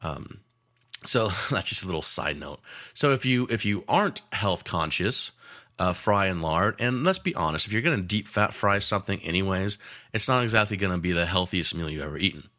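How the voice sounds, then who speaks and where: Male chef-teacher, deep and forceful tone, casual, filler-heavy delivery with wry asides. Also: expressive, moderate pace. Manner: casual, rambling with frequent fillers; joking asides. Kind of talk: cooking lesson.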